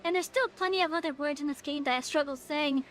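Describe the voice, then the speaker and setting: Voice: high-pitched, quick pace, a bit bright, a little hiss or hum. A streamer talking casually through an AI voice changer that makes them sound like a woman, often stumbling over words and restarting sentences. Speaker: game streamer. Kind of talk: casual livestream chat while playing.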